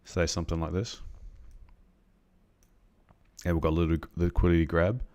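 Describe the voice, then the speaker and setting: A man on a live trading stream, explaining chart setups to viewers in a halting way, with many restarts and ums. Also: low voice, fairly even intonation, dark tone.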